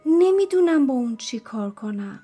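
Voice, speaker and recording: A woman's voice: high voice, sing-song, mellow, faint music behind. A woman voicing a patient but worn-out mother in a children's story, giving firm, coaxing instructions.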